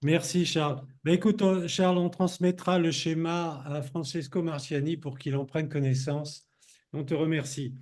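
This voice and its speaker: A man's voice: on the high side, fairly even intonation, normal speed, darkish tone. A man chairing a talk, informally thanking and handing over between speakers. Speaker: session chair. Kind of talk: informal moderating.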